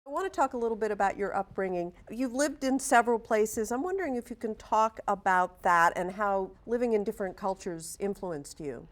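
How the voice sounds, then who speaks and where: A woman's voice: medium pitch, expressive, brisk, hardly any pauses. Woman interviewer with short questions. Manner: brief, prompting questions.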